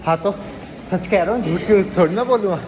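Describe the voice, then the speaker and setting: A young man with a high voice chats through a campus vlog and tells stories with animated energy. Loud crowd noise fills the background. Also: quick pace. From India. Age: young adult. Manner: laughs often while telling stories, animated. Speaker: vlogger. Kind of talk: casual vlog storytelling. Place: college campus.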